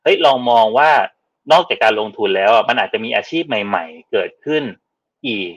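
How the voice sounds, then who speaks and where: A man speaking as a guest on a panel, in casual and animated talk, often repeating words as he gets excited. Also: on the low side, normal speed, breathy edge, highs cut off.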